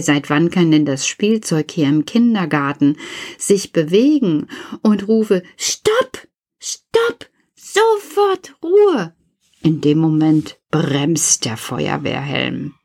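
Kindergarten teacher, woman; slow, husky, hushed storytelling voice for children. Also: deep voice. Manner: hushed and half-whispered, suspenseful, then animated bursts.

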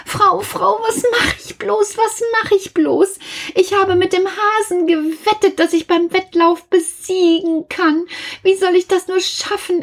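A nervous little male hedgehog from a children's story, acted by a woman reader. His voice sits high and squeaky and swings widely. He sounds airy and soft-edged as he frets. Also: husky, exaggerated voice.

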